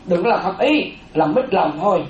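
A Buddhist monastic woman, giving a lively dharma talk and often asking the audience questions. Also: on the low side, moderate pace, slight background noise. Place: hall with a seated audience. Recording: roomy, dull sound with faint audience.

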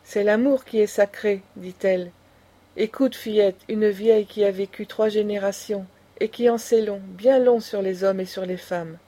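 A proud, scornful old grandmother of noble taste, lecturing with passion, as a woman reads her. The voice is mellow and dark in tone, with a middle pitch. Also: steady tone, normal speed, natural voice. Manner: impassioned, lecturing.

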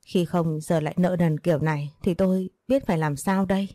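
A woman's voice: on the low side, steady tone, fairly quick, warm tone, no room sound, close to an everyday voice. A woman doing a distraught poor village wife. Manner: pleading, lamenting.

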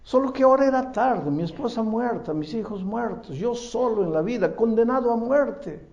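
A man voicing a grieving, bitter middle-aged man who cries out in anguish, his voice high and strained. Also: animated, normal speed, creaky, darkish tone, lo-fi sound, full character voice. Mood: broken remorse.

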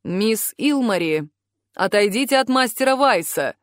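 Woman reading a stern male director, slow, hard, in full control. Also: a little high, no echo, studio quality, lightly acted. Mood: calm commanding. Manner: calm, hard, measured. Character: stern male academy director, calm and unbending.

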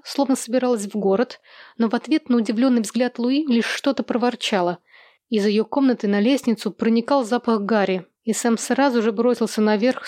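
A woman's voice: a little high, darkish tone, dry recording. Woman narrating a novel, dry close sound. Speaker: audiobook narrator. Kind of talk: scripted literary narration.

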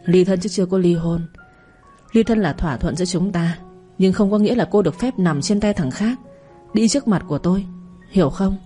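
A woman's voice: fairly low pitch, fairly quick, dark tone, soft background music, lightly acted. A woman reading as a jealous, bossy young husband. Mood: scolding. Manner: harsh, controlling.

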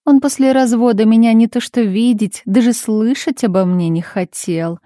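A cold, touchy older mother, as a woman reader puts her on snaps back in raised, indignant bursts, pitched higher than the narration around her. The tone stays dark and mellow. It is recorded dry and close, with no room sound. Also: normal speed, dry recording, natural voice. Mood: defensive.

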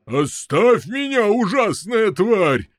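A man reading an audiobook, voicing a huge, bullying male giant who gloats and threatens in a slow, loud, drawling voice. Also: medium pitch, dry recording, clean studio sound, natural voice. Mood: panicked. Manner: slow, drawling and loud, with a strained, altered timbre. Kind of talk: audiobook character voice.

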